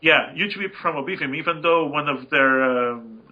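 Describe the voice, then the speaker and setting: A man's voice: a little high, normal speed, muffled recording. A man co-hosting a casual gaming podcast, rambling and emphatic, and swearing freely as he talks. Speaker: podcast co-host.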